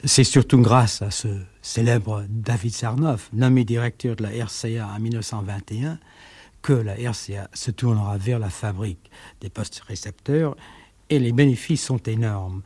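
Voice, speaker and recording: A man speaking in a measured documentary style, with occasional fillers, on an archive radio recording. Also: medium pitch, a little mellow, slightly rough, no room sound. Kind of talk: explanatory radio documentary talk.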